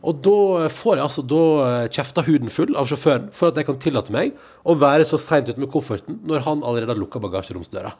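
A man's voice: medium pitch, few pauses, breathy edge. A man hosting a podcast, telling a long anecdote in casual chat and acting out what people said. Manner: animated anecdote-telling, acts out quoted voices. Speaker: podcast host.

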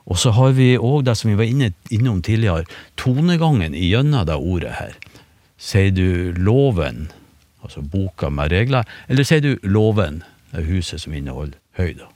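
Low-voiced man explaining patiently. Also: big pitch swings, darkish tone, no echo. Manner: patient, explanatory, with many fillers and restarts. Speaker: language expert on a radio panel. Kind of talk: explaining on a radio talk show. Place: radio studio.

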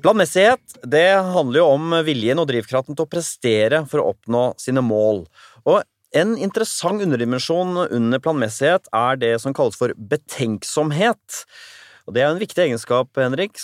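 A man's voice: mid-range voice, no echo, clean studio sound. A man co-hosting a casual talk show, recalling anecdotes and putting questions to his co-host. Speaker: podcast co-host. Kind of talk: casual chat, presenting test results.

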